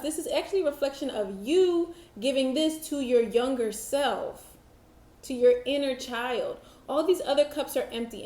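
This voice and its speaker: A woman reading tarot cards in a slow, musing voice, pitched a little high yet warm and mellow. Her words hang in an echoey room. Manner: slow, reflective, channeling-style delivery. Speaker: tarot reader.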